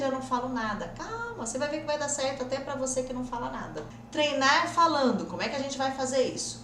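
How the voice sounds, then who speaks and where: A woman's voice: high voice, roomy sound, distant mic, slight background noise. A woman with a Brazilian Portuguese accent, teaching in a casual online lesson and talking straight to the viewer in an encouraging way. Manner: encouraging, talks straight to the viewer, acts out students' doubts. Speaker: English teacher. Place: room where she must keep her voice down.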